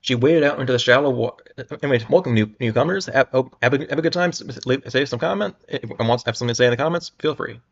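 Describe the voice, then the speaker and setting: A man's voice: mid-range voice, rapid-fire, gravelly. A young man casually reading a pulp novel aloud on a livestream, with wry asides and stumbles, in muffled lo-fi audio. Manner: wry, amused, stumbles over words. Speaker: livestream reader.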